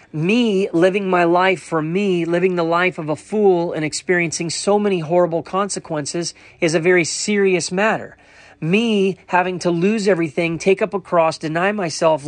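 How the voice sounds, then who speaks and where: A man's voice: high-pitched, no room sound. A man preaching in a recorded commentary, earnest and emphatic with a playful side.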